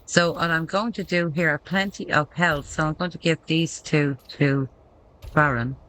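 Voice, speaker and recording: A woman's voice: low voice, steady tone, normal speed, a bit bright, low-quality recording. A woman giving casual gameplay commentary, thinking aloud and reading menu text out as she goes.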